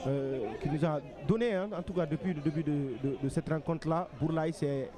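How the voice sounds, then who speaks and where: A man's voice: on the high side, fairly quick. A man giving live football analysis as co-commentator, punctuating his points with short tags. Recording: crowd noise, outdoor stadium.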